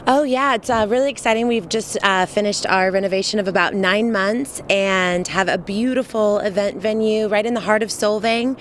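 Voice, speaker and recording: A woman who runs an event venue, speaking enthusiastically but haltingly, with many fillers, in a live outdoor news interview. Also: medium pitch, slight background noise. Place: outdoor patio.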